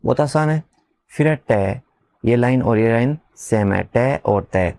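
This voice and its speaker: A man teaching beginners to spell, slowly repeating sounds and letters and asking his listeners questions back. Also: medium pitch, vocal fry, darkish tone, dry recording. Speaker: English teacher. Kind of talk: slow spelling lesson for beginners.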